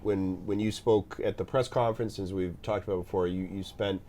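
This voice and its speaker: A man hosting an interview podcast, asking questions in a halting way and often repeating his words. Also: low-pitched, steady tone, dark tone, slight background noise. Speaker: podcast host, state senator.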